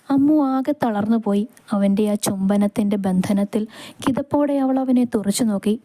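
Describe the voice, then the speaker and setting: A woman narrating a romantic story in a calm, even storytelling manner. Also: mid-range voice, no echo.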